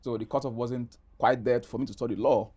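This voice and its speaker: Speaking fairly quickly at a medium pitch, this middle-aged Nigerian actor shares stories from his own life in an interview. His intonation stays fairly even, his tone is dark and slightly rough, and he talks emphatically and conversationally, often repeating phrases.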